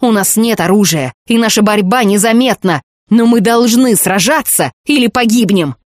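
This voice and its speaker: A woman's voice: medium pitch, moderate pace, no room sound, studio quality, natural voice. A woman voicing a desperate widowed mother with a cracked, harsh voice in an audiobook. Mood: fierce. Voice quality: cracked, harsh when shouting. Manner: bitter, pleading, then fierce. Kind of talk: audiobook character reading.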